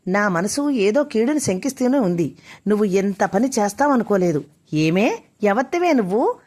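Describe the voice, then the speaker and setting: A woman's voice: medium pitch, very animated, moderate pace, darkish tone. Woman voicing a distraught, fearful mother. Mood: angry. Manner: emotional, tearful, pleading. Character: distraught middle-aged mother, fearful and quick-tempered.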